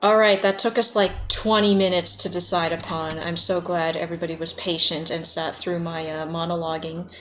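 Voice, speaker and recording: A woman's voice: lowish voice, flat delivery, normal speed, few pauses, fairly bright tone, slight background noise. A woman streaming a video game, chatting casually, laughing often and answering her chat by name. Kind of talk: casual livestream chat while playing.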